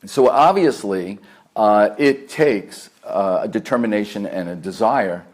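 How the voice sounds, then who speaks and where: A man with a New York accent, a family therapist giving a live workshop talk at a meditation center, measured and earnest, repeating key phrases for emphasis. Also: on the low side.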